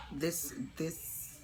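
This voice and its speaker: A young woman telling a personal story on her vlog, soft and halting, often slipping into a whisper, earnest and tearful. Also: sits high, rough recording. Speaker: vlogger.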